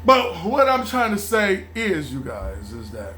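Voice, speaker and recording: Male vlogger, lively high voice, loose casual monologue. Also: measured pace, a little hiss or hum. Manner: animated, acts out friends' voices, laughs often.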